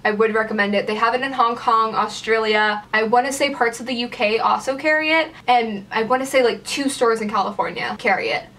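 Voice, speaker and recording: Standing by a door in a small room at home, a young woman chats through a casual vlog, her hand gesturing and "like" filling her rambling sentences. She sounds a little high and fairly bright, talking briskly with barely a pause, while the mic sits some distance away.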